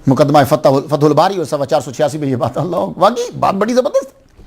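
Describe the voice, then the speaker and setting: A man preaching a sermon, passionate, asking his listeners questions and rising to loud exclaims. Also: sing-song, gravelly, slightly rough. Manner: impassioned, rising to high exclaims, addresses audience with questions. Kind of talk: Urdu religious sermon.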